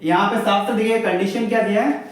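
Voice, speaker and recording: A man's voice: sits high, steady tone, fast talker. A man teaching a maths lesson, explaining step by step and repeating his points with homely examples. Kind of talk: classroom lecture on graphs. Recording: very echoey room, voice from far off.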